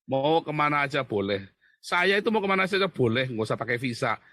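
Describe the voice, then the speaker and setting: A man giving an animated, mocking livestream monologue, often calling his listeners brothers. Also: mid-range voice, brisk, dry recording, studio quality. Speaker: livestream commentator.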